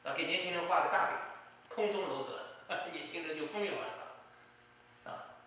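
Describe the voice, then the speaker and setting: A man's voice: a little high, moderate pace, bright, forceful tone, slight background noise. A man giving emphatic political commentary, with rhetorical asides to his listener. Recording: distant mic in an echoey room.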